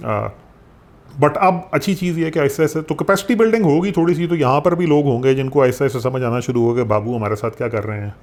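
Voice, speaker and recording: A man with a Pakistani Urdu accent explaining economics in a conversational way, animated and sprinkling in English phrases. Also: medium pitch, fast talker. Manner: animated, mixes English phrases, frequent fillers. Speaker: economics commentator.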